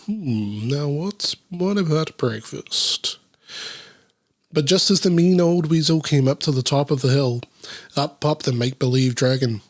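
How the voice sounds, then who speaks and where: A man's voice: on the high side, no room sound, clean studio sound. Sarcastic man reading a children's story. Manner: deadpan, sarcastic, swears in asides. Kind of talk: comedic read-aloud with sarcastic asides.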